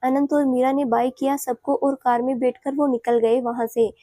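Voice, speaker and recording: A woman narrating a romantic audio story in a steady, even storytelling manner. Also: high-pitched, normal speed, no room sound.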